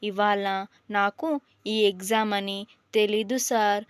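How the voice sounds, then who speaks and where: A woman's voice: medium pitch, completely flat delivery, slow, smooth, no echo, natural voice. A woman voicing a dramatic young female student who whines and pleads tearfully in a storybook. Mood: melodramatic whining. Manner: whiny, melodramatic pleading.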